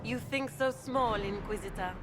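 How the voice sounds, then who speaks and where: A woman's voice: a little high, moderate pace, noisy background, close to an everyday voice. A woman playing a haughty, condescending aristocratic villainess in a video game, speaking theatrically. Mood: grandiose, scornful. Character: haughty, smug aristocratic villainess, zealous schemer. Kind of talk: video game dialogue acting.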